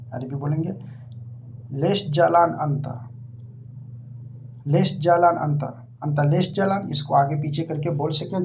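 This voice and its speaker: A man giving an informal vocabulary lesson, repeating each word slowly several times. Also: a little high, mellow. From India. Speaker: language teacher. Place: living abroad in Saudi Arabia. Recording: dull lo-fi recording with faint hum.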